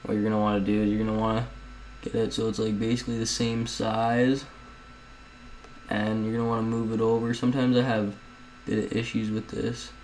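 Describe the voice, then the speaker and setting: A man's voice: on the low side, little pitch movement, fairly quick, a little mellow, a little hiss or hum, rough recording. A young man at home casually talking viewers through a video editing tutorial, rambling and chatty, often calling them guys. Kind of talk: casual screen-recorded tutorial.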